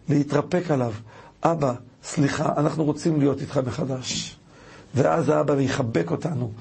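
Man, rabbi, sermon storytelling, raspy husky voice, gravelly texture, dramatic emphasis. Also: a little mellow. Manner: dramatic storyteller, rising pitch on key words.

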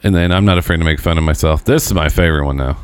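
A man in his forties hosting a casual podcast chat, blunt and profane, quick to make fun of himself. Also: extremely low pitch, smooth, dry recording. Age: 40s. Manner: blunt, profane, self-mocking.

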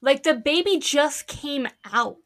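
A woman's voice: sits high, expressive, slow, fairly bright tone. A woman co-hosting a podcast in casual chat, ranting heatedly with lots of swearing. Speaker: podcast co-host.

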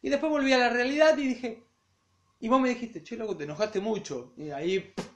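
A young man with a Rioplatense accent talks loosely with a friend, swearing freely and poking fun at himself. His voice sits high. The room is echoey, caught on a phone's voice recorder. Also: fairly quick. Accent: Rioplatense Spanish. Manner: laid-back, swears a lot, self-deprecating. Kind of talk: casual chat between friends. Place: friend's house, indoors.

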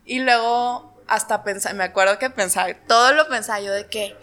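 A young woman with a northern Mexican accent from Monterrey, chatting casually as a YouTuber guest and telling things in animated, acted-out quotes. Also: medium pitch, fairly quick. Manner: animated storytelling, quotes herself and others in acted asides. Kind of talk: casual chat.

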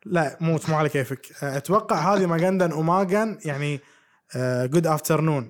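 A man co-hosting a casual podcast. He talks quickly in a slightly high voice. He is playful and keeps quizzing his friend. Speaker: podcast co-host. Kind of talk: casual chat.

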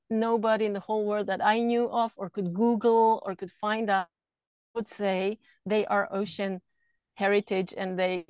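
A woman's voice: mid-range voice, a little mellow, dry recording. A middle-aged woman from Switzerland, a podcast guest who talks earnestly and flowingly about energy healing, often repeating words as she thinks. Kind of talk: casual interview talk. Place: camper van.

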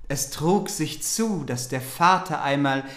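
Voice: mid-range voice, expressive, measured pace, a bit bright. Echoey podcast host, mock-naive reader. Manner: naive questions, mock confusion. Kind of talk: comic fairy-tale reading and chat.

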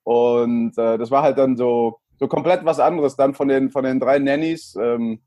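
Raised in El Salvador and in his thirties, this man talks casually as an interview guest and often says things twice. His voice is mid-range and warm, at a normal speed, with no audible room sound.

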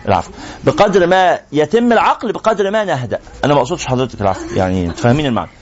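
Man, Egyptian accent, sheikh teaching a class, rhetorical questions, slightly high voice. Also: lively intonation, rapid-fire, faint music behind. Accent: Egyptian Arabic. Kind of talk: religious lesson to a live class. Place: room with a class. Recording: muffled lo-fi recording.

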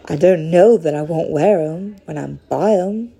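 A woman's voice: lowish voice, a little slow, mellow, husky. A woman hosting a podcast, speaking in a rambling, casual monologue with many fillers. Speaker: podcast host.

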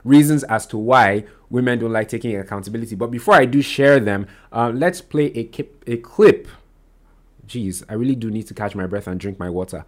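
A man's voice: lowish voice, quick pace, few pauses. A man hosting a solo podcast, talking casually and rambling, often restarting and correcting himself with lots of fillers. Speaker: podcast host.

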